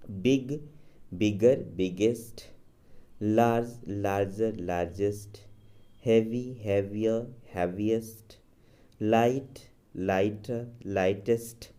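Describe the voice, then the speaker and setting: Slow, dark-voiced teacher. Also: male voice, mid-range voice. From India. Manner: slow, patient explaining with drawn-out English examples. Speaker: English teacher. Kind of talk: classroom grammar lesson.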